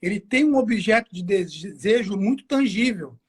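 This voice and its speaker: A man's voice: sits high, animated, moderate pace, breathy edge. A Brazilian man, a guest expert, chatting casually and explaining in slangy speech with questions he answers himself. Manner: informal, slangy, asks and answers own questions. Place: home garage.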